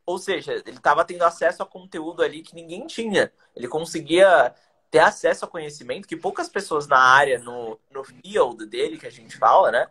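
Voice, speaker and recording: An animated young man from Brazil, an English teacher, speaks fairly quickly in a husky voice on the high side that sounds pushed and bright. He chats energetically over a video call with slang and rhetorical questions, giving teaching tips in a casual live stream. The microphone is a webcam, in a small indoor room.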